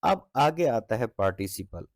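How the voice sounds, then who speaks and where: A man teaching an English textbook lesson, reading example sentences slowly with stress and checking in with his students often. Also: medium pitch, lively intonation, no echo, clean studio sound. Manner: reads English lines slowly with stress, asks "ठीक है?" often. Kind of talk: explaining a textbook exercise.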